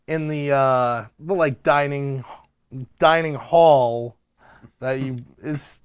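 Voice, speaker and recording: A man narrating a tabletop game as game master, improvising in a casual, halting way. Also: medium pitch, fairly even intonation, clear, resonant tone.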